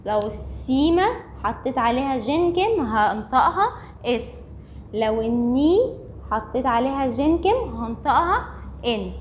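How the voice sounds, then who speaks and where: A woman's voice: sits high, animated, normal speed, a little hiss or hum. A woman with an Egyptian Arabic accent, teaching a recorded language lesson and patiently repeating each point step by step. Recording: dull lo-fi recording.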